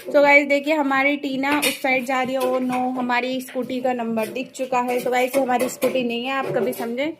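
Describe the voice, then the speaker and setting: A chatty young woman filming a casual home vlog on her phone, calling her viewers guys and cooing at her cats. Her voice sits somewhat high, with a faint hum of room noise behind it. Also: level tone, normal speed, few pauses. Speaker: vlogger. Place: home and street outside after rain.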